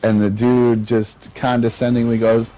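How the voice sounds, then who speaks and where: A man in casual, profane chat while gaming, rambling through stories with a relaxed delivery. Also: medium pitch, a little slow. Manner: laid-back, profane storyteller. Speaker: gamer.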